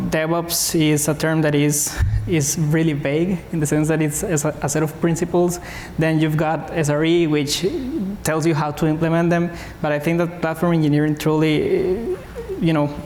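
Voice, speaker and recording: Higher-pitched man from Costa Rica, flat delivery. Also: normal speed, a little hiss or hum. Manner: relaxed, explanatory, uses "you know". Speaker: senior DevOps engineer, panelist. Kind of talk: conference panel discussion. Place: conference stage. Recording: hall reverb with faint ambience.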